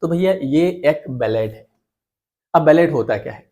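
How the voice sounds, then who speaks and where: A man's voice: a little high, animated, moderate pace, dark tone. An Indian-accented man teaches an exam-prep lecture. He explains patiently, repeats the key points and slips English terms into his talk.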